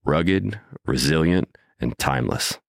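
A man's voice: rumbling low, expressive, slow pace, creaky, dry recording, studio quality. A man reading a scripted ad in a gritty, solemn way. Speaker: ad announcer. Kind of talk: scripted ad read.

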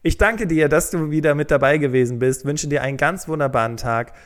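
A man hosting a solo career-advice podcast, speaking straight to the listener and checking in with a quick "okay?". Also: fairly high pitch. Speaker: podcast host.

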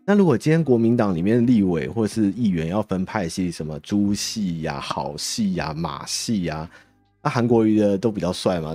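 A man's voice: deep voice, warm tone, no echo. A young man from Taiwan with a Taiwanese Mandarin accent, hosting a casual monologue and ranting with sarcastic jokes. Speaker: show host.

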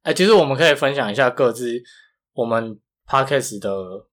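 Male podcast co-host, strong Taiwanese accent, soft unrolled retroflex sounds, mid-pitched, conversational. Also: normal speed. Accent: Taiwanese Mandarin. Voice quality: flat, non-retroflex consonants. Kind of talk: casual chat.

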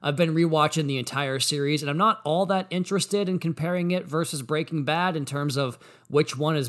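American guy doing a sports podcast monologue, voice kinda on the high side. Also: fairly bright tone.

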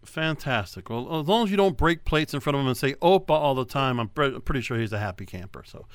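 A man hosting a cannabis business radio show, introducing his guest and asking questions in a quick, upbeat way. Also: mid-range voice, expressive, dry recording.

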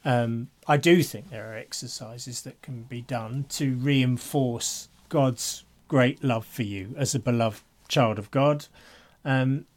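Speaking slowly in a mid-range voice, a podcast co-host takes part in a reflective conversation about faith. He talks earnestly and repeats phrases for emphasis.

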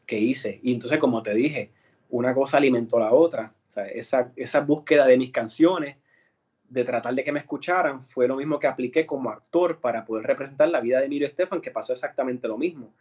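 Puerto rican guy telling stories, kinda husky, muffled lo-fi audio. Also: mid-range voice, fairly quick. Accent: Puerto Rican Spanish. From Puerto Rico. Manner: animated storytelling with many fillers and restarts. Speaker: actor and singer, guest. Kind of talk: casual interview chat.

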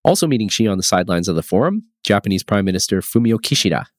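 Deep, nasal male podcast host with a cold. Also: sing-song, very fast, dry recording, clean studio sound. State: stuffed up with a cold. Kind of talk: scripted podcast presenting and interviewing.

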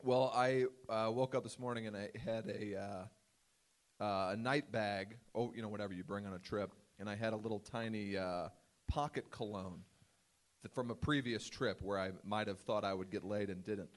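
A man's voice: lowish voice, steady tone, normal speed. A man co-hosting a live podcast in front of a theater audience, with dry, self-deprecating humor. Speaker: podcast co-host.

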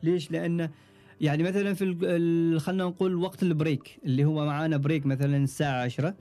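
Fast-talking Omani man telling stories. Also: a little high, faint music behind. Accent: Omani Arabic. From Oman. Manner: relaxed storytelling, frequent trailing restarts. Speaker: podcast guest, ship engineer. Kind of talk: casual interview chat.

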